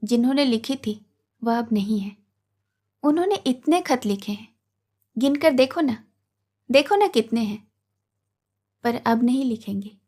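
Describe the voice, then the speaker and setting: A woman voicing a grieving young woman, soft and tearful, speaking in a voice broken with sorrow. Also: fairly high pitch, animated, unhurried, long pauses.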